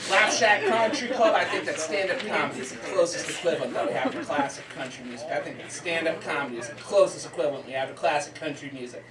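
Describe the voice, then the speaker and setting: A man in his thirties from southern Maine doing a deadpan, self-deprecating stand-up set, repeating his lines. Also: fairly high pitch, quick pace, hardly any pauses. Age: 30s. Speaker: stand-up comedian. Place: comedy club stage. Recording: roomy club sound from a distance, loud crowd laughter. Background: crowd laughing.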